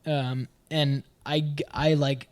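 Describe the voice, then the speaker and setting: A man's voice: fairly high pitch, little pitch movement, takes it slowly. A young man on a casual podcast who tells a long story and keeps restarting his sentences. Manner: rambling, stumbles over restarts while telling a story. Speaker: podcast co-host. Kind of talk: casual chat.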